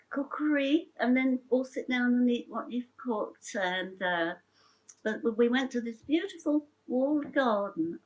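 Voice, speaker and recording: A woman's voice: a little high, poor audio. An older woman telling her own story in an interview, chatty and heartfelt, rambling with many restarts. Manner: emotional and heartfelt.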